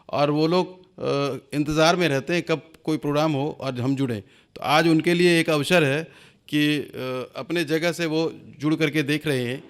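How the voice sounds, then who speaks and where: Earnest man hosting a webinar, pleading. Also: fairly high pitch. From India. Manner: earnest, pleading, with many pauses and hesitations. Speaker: webinar host. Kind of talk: formal speech to an online seminar.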